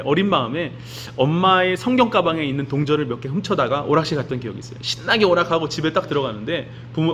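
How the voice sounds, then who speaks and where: A man's voice: a little high, fairly bright tone, a little hiss or hum. A man giving a children's sermon in a church, telling a story and asking the children questions. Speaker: children's pastor.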